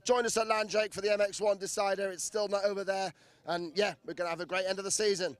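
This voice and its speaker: Male trackside presenter, high-pitched, upbeat, live post-race interviews and announcements. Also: little pitch movement, fast. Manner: upbeat, congratulatory. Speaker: motocross podium interviewer and presenter.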